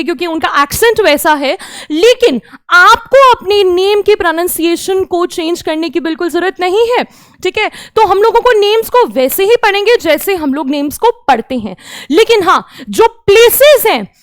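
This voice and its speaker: Woman teacher, very high voice, dry close sound, patient class explanations, slow careful example phrases. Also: lively intonation, no echo. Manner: explains in Hindi, reads French example phrases slowly and distinctly. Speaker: French teacher. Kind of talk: online class lecture.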